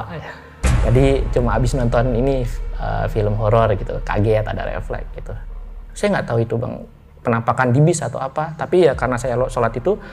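Medium-pitched with vocal fry and a darkish tone, this man is an interview guest recounting a ghost story casually. His speech is loose and chatty, with restarts and frequent direct address to the listener.

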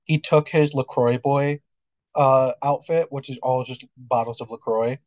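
A man co-hosting a podcast in casual chat, with quick, playful banter. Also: medium pitch, steady tone, dry recording. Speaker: podcast co-host. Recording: dull lo-fi audio.

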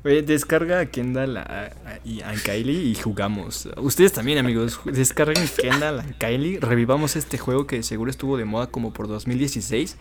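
A man's voice: mid-range voice, a little fast, hardly any pauses, background noise. A young man with a Mexican accent, co-hosting a podcast in casual chat, rambling with fillers and laughing often. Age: young adult. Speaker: podcast co-host.

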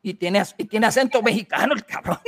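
A man in casual group banter who is excitable and repeats himself to break in. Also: high voice, fairly quick, crowd noise.

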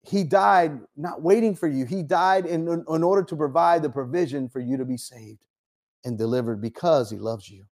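A pastor delivering an impassioned sermon with a somewhat high male voice. He slows down and drops low for scripture, then climbs higher and louder when he warns and pleads with the congregation.

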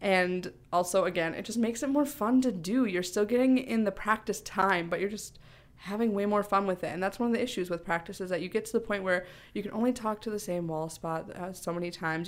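A woman speech coach co-hosting a podcast, chatting in an upbeat way with many fillers. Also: fairly low pitch. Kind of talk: casual podcast chat.

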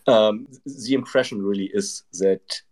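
A man's voice: lowish voice, unhurried, a little mellow, no room sound. A man co-hosting and interviewing off the cuff, a little hesitant and repeating words. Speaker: co-host, interviewer. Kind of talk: unscripted interviewing.

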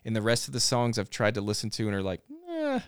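A man hosting a podcast, talking in a loose, rambling way full of fillers and false starts. His voice is smooth and resonant. The sound is close and dry, with no room around it. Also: fairly low pitch, racing, no room sound. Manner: relaxed, rambling, with frequent fillers and restarts. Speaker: podcast host. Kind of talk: casual chat. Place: podcast studio.

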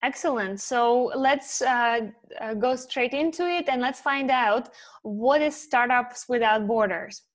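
A woman's voice: a little high, slow pace. A woman hosting an interview series, welcoming and questioning her guest with a friendly manner and a few hesitant fillers. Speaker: interview host.

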